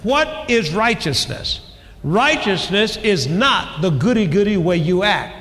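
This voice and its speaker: A man preaching a sermon, calling out to the congregation and shouting lines for emphasis. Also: high-pitched, very animated, measured pace. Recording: long hall reverb, faint ambience.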